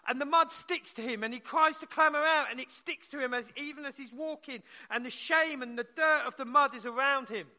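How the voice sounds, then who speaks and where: Male preacher, strikingly high-pitched and forceful, chatty sermon delivery, can't pronounce R, says it like W. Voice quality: cannot say R's, which sound like W. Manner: emphatic, with repeated phrases and rhetorical questions. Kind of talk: sermon with plain, chatty asides.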